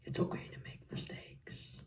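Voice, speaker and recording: A person gives an encouraging, reassuring ASMR pep talk in a soft, breathy whisper, speaking gently in short, paused phrases. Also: far from the mic. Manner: slow, gentle, pausing between short phrases. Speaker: ASMR content creator.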